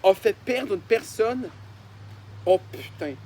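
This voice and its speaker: A young Québécois man with a high-pitched voice riffs on his own childhood drawings in a casual vlog. He mocks himself and swears freely, and there is a faint hum behind him. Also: takes it slowly, mellow. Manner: mocking, self-deprecating, swears often. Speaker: YouTuber.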